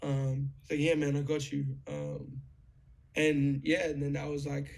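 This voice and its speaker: A young man telling a story in a casual chat, excited, swearing freely and full of fillers. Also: a little high, a little slow, creaky. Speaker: guest musician.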